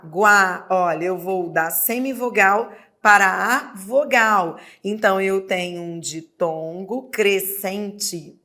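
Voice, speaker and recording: A woman's voice: medium pitch, pushed and bright. A woman teacher with a Brazilian accent giving an exam prep lesson, sounding out words syllable by syllable. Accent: Brazilian Portuguese.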